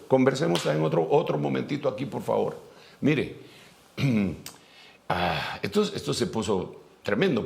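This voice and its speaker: Gravelly-voiced man preaching a sermon. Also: mid-range voice. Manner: retells scripture in a lively storytelling way with pauses and restarts. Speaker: pastor.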